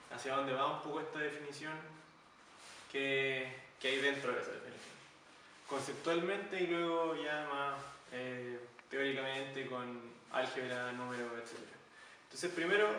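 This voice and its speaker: A man talks through a physics lesson in a relaxed, thinking-aloud way, checking in with rhetorical questions. His voice sits a little high. He sounds distant from the mic in a strongly echoing room. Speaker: physics teacher. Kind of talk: casual explanatory lesson. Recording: very echoey room, mic at a distance, faint noise.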